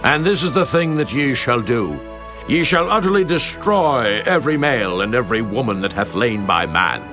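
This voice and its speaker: A man's voice: medium pitch, expressive, moderate pace, voice pushed up, natural voice. A man voicing a stern leader who gives battle orders, in a dramatized scripture reading with music behind. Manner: commanding. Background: background music.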